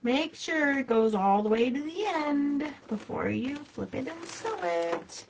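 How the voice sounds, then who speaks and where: A woman's voice: high voice, animated, unhurried, a little hiss or hum, low-quality recording. A woman hosting a live sewing demonstration, chatting casually to herself and viewers as she works. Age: adult with a child. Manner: chatty, talks to herself while working. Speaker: quilting shop host.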